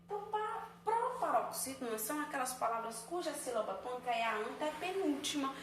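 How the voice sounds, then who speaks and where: In an echoey room with faint background noise, a woman teacher with a Brazilian Portuguese accent walks through a review lesson step by step, posing and answering her own questions. Her voice sits high and sounds animated and brisk.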